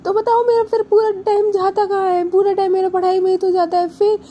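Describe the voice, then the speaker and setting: A woman's voice: extremely high pitch, flat delivery, brisk, dark tone, a little hiss or hum, voice pushed up. A woman voicing a sulky young woman who cries and complains after failing a bank exam. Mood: upset, tearful. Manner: whiny, defensive, tearful. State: crying.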